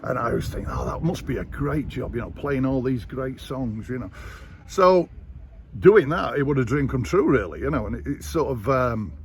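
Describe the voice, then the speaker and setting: Yorkshire man in his sixties, trailing off softly. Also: medium pitch, normal speed, slight background noise. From West Yorkshire, England. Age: 60s. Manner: relaxed, rambling with many fillers, trailing off quietly. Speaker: radio DJ and entertainer guest. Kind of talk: casual interview.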